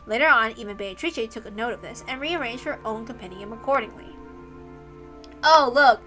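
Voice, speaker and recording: Her voice runs a bit high, pushed and bright, and she speaks at a normal speed as she streams a read-aloud of a visual novel. She adds relaxed, chatty asides between passages over background music.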